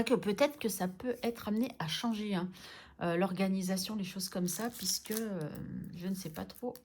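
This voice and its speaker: A chatty woman talks her way through sorting budget envelopes at home, muttering to herself and teasing herself over her slips. Her pitch sits in a mid range, and paper crinkles over a clear background noise. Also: darkish tone. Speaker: budgeting vlogger. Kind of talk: casual chat while sorting envelopes.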